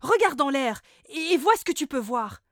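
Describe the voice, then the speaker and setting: A preening male elf pop star from a children's storybook, put on by a woman, who can't stop admiring himself. He talks in a showy, pompous way, in a fairly high, bright voice that often swells loud. The sound is dry and close. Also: very animated, normal speed, dry recording. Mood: showing off. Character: vain, boastful male elf boy-band singer. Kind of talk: storybook character voice.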